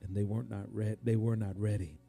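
A man, a pastor, preaching a sermon in a slow cadence that rises suddenly and drops to a hush. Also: lowish voice, steady tone, creaky, faint music behind.

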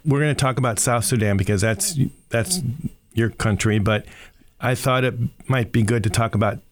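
A man's voice: mid-range voice, moderate pace. A man hosting an interview podcast, asking curious, tentative questions and hedging often. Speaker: podcast host.

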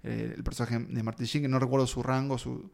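A man hosts a casual film discussion. He steers the conversation and wanders through his points with fillers. His pitch sits at an ordinary middle height. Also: flat delivery, fairly quick, vocal fry, darkish tone. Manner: leads the talk, rambling with fillers.

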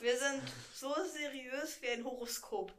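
A woman with a fairly high voice co-hosting a relaxed podcast. She questions everything and answers with quick puns and comebacks. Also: slight background noise. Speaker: podcast co-host. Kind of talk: casual chat.

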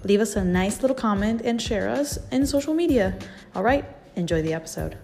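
A woman's voice: mid-range voice, animated, brisk, vocal fry, music in the background. A woman hosting a podcast in a casual, enthusiastic way, with fuzzy, distorted home-recorded audio. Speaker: podcast host.

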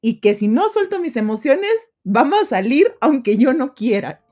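A woman's voice: sits high, moderate pace, faint music behind. A young woman, chatting as a podcast guest and acting out the voices in her stories. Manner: animated storyteller, acts out quoted voices. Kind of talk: casual podcast chat.

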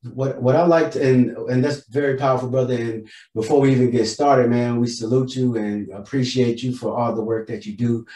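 A man's voice: medium pitch, steady tone, moderate pace, few pauses, mellow, reverberant. A man hosting an interview, laid-back and appreciative, with loose, easy phrasing. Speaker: podcast host.

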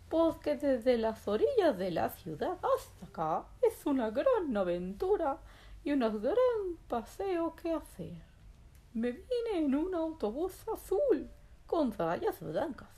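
In a high, exaggerated voice, a woman plays an excitable, childlike little boy rabbit telling a bedtime story for children. He sounds cheerful, with wide-eyed exclamations and drawn-out words.

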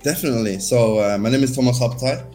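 A man's voice: mid-range voice, fast, dark tone, soft background music. A man in his thirties from Norway, a podcast guest talking casually with many fillers. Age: 30s. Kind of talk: casual conversation.

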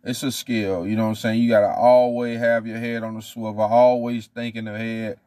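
A man's voice: lowish voice, little pitch movement, moderate pace, mellow, dry recording. A man chatting casually as a podcast co-host in a laid-back, slangy way. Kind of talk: casual chat.

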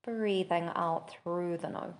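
A podcast host and meditation teacher leads a body scan meditation in a lowish voice with fairly even intonation. She speaks very slowly and gently, leaving a long, unhurried pause after each measured instruction.

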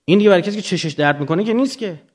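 A man's voice: high voice, lively intonation, a little mellow. A man lecturing off the cuff to students, didactic, often posing questions and answering them himself.

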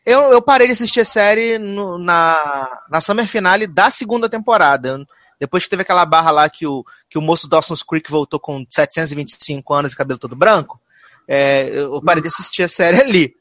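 A man's voice: a little high, fairly quick, fairly bright tone, no echo. A Brazilian man hosting a casual chat about TV series in a campy, gossipy way with dramatic slangy exclamations. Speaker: podcast host.

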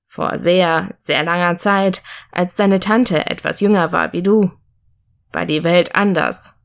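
A woman voicing a gentle father who calmly tells his child a story from his youth, in an audiobook. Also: fairly low pitch, takes it slowly, gravelly. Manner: calm storytelling tone. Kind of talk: audiobook reading.

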